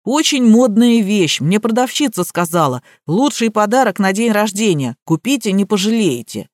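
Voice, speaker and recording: A woman reader voicing a clumsy, simple-minded male gardener who blurts things out, in a lowered voice. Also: very animated, normal speed, a little mellow, no room sound, clean studio sound, natural voice. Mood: explaining. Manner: mumbling, blurting.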